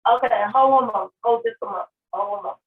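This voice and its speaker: A woman's voice: fairly high pitch, moderate pace. A woman speaking hesitantly on a team call over a muffled speakerphone or earbuds. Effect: muffled speakerphone or earbud sound. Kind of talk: casual chat. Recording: tinny muffled phone-call audio.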